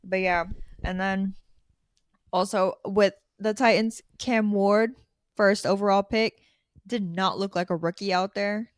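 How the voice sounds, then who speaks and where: A woman co-hosting a football podcast, animated and chatty, stumbling into her points and swearing freely. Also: mid-range voice, unhurried, no room sound, clean studio sound. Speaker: podcast co-host. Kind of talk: casual sports chat.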